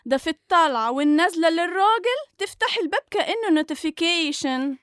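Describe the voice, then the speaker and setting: A brash young Egyptian woman in a radio serial. Her voice sits high and dry, full of streetwise cheek. She teases mercilessly and mockingly. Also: expressive, quick pace, a bit bright, no room sound. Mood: brash teasing. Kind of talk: Egyptian radio comedy drama acting.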